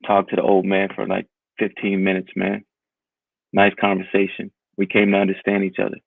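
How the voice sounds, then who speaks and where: A low-voiced man speaking bluntly and profanely in a casual podcast chat. His voice comes through a narrow, tinny, phone-like line, dry with no room echo. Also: completely flat delivery, normal speed, creaky. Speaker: podcast co-host.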